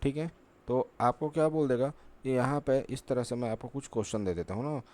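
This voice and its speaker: A man's voice: mid-range voice, fairly quick, a little mellow. A man teaching a maths lesson at a board, patient and repetitive, asking himself questions and answering them. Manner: patient, repeats "ठीक है" and asks rhetorical questions.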